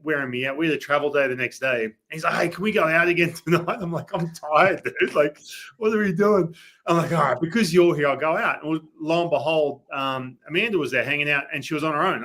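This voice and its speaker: A man with an Australian accent, a podcast guest telling stories in a casual, animated way and acting out what people said. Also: on the high side. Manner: animated storyteller who acts out quoted dialogue. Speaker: guest, former baseball pitcher. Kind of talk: casual storytelling on a sports podcast.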